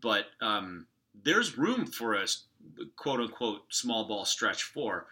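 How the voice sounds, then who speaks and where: A man's voice: lowish voice, sing-song, slow pace, pushed and bright. A man co-hosting a sports podcast, breaking down a team's rotation in casual chat with frequent fillers. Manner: analytical, lots of hedging fillers. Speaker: podcast co-host.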